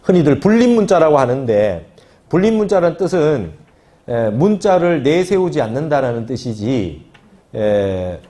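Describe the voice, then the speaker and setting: A man's voice: a little high, dark tone. A male Buddhist monk teaching a scripture class, explaining patiently and often asking his students for agreement. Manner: explanatory, repeats key phrases and asks the class for agreement.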